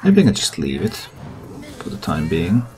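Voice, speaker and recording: A man's voice: deep voice, huge pitch swings, moderate pace, a little mellow. A man who hosts gaming videos, giving casual game commentary and thinking aloud. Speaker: gaming content creator and host. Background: background music.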